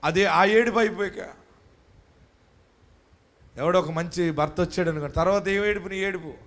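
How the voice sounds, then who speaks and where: A male pastor preaching a sermon at a live church service, building to shouted climaxes. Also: sits high, moderate pace.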